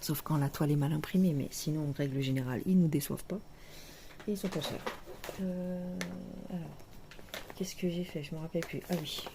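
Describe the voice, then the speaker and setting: A woman's voice: deep voice, fairly even intonation, a little fast, noisy background. A woman vlogger chatting casually about her cross-stitch projects in a chatty, self-mocking way, often dropping to a near whisper.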